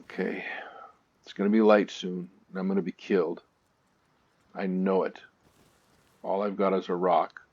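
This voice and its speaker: Low-voiced man chatting over gameplay. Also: little pitch movement, unhurried, pauses often, darkish tone, dry recording, dull audio. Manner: chatty storytelling, nervous asides. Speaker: gaming video host. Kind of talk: let's-play commentary.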